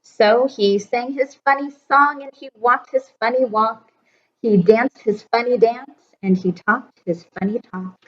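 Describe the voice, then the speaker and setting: A woman's voice: on the high side, measured pace, lo-fi sound. Woman teacher reading a rhyming picture book. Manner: expressive, rhythmic rhyming delivery. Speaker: elementary teacher.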